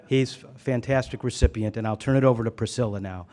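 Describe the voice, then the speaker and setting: A man's voice: medium pitch, fast, dark tone. A man speaking for the board at a conference, hesitant and full of "uh" fillers. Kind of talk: prepared speech at a podium.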